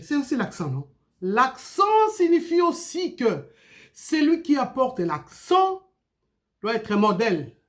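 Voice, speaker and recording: A woman giving an informal video sermon, animated and full of rhetorical questions. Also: medium pitch. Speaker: preacher.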